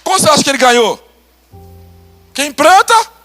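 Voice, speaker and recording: A man's voice: extremely high pitch, moderate pace, faint music behind, a faint crowd. A Brazilian pastor preaching a testimony sermon, acting out conversations and laughing as he tells it. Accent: Brazilian Portuguese. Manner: animated, acts out dialogue, laughs.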